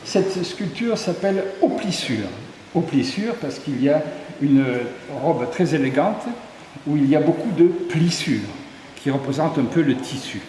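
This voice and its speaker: Mellow and on the high side, the man's voice has lively intonation and a measured pace as he, a southern Ardèche sculptor, explains his works in an interview. He lists details with hesitations; the tourist office exhibition hall is echoey, with faint ambience and a little hiss or hum.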